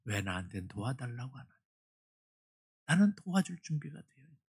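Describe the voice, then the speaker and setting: A man voicing a gentle, patient divine voice that speaks softly and low to a believer in a sermon story. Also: flat delivery, fairly quick, vocal fry, breathy edge, exaggerated voice. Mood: tender.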